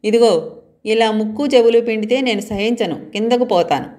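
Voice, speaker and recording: Woman reading a feisty young heroine, pouty, gets offended fast. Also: on the high side, mellow, lightly acted. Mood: indignant. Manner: quick to pout, indignant.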